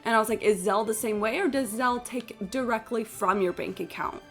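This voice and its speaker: This is a brisk, high-pitched woman doing a gaming livestream, with game music running underneath. She tells meandering stories in a blunt, foul-mouthed, animated way, leaning heavily on "like."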